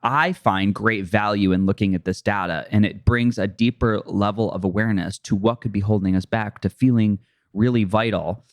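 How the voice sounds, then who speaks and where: A man hosting a podcast, talking in a relaxed, chatty way with lots of fillers. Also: lowish voice, normal speed, no room sound. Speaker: podcast host. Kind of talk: casual interview chat.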